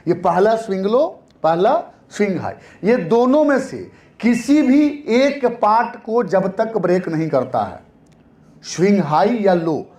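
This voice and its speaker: A man's voice: high-pitched, darkish tone. A man teaching a trading lesson in a classroom style, repeating points and answering his own questions.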